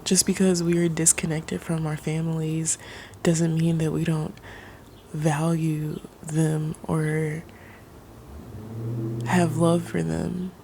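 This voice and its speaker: Woman, soft ASMR pep talk, near-whisper, mellow and even-pitched, halting delivery, faint noise behind. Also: vocal fry. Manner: halting, pausing mid-sentence. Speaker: ASMR creator. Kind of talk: soft-spoken ASMR, reflective personal talk.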